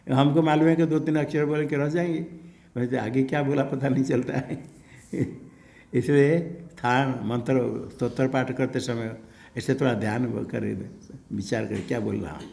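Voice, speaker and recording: A man with a gravelly, creaky voice teaches a scripture class. He explains patiently and unhurriedly, dropping in a soft laugh now and then. His pitch sits in an ordinary middle range. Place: ashram classroom.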